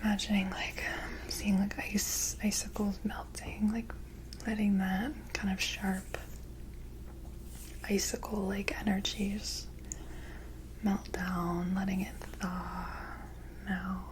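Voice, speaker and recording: A woman in a whispered role-play as an ASMR energy healer, with an airy, breathy whisper and a gentle, soothing, mystical manner. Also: mid-range voice, flat delivery, takes it slowly, pauses often, background noise.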